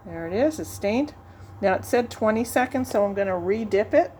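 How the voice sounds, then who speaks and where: A woman's voice: mid-range voice, animated, moderate pace, darkish tone. Woman, lab instructor, hands-on demo, chatty, faint room hiss. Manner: chatty, thinks aloud while working. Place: teaching lab.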